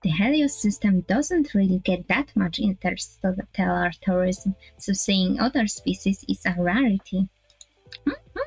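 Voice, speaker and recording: A young woman streamer reading a visual novel aloud, halting over words and adding laughing asides. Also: mid-range voice, darkish tone, slightly rough, no room sound, highs cut off, faint music behind.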